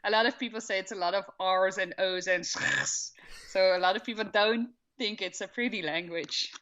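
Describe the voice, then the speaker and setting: A woman's voice: mid-range voice, normal speed, fairly bright tone, dull audio, slight background noise. A woman in her thirties from the Netherlands with a Dutch accent, answering interview questions in a plain, matter-of-fact way. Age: 30s. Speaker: wildlife veterinarian, guest.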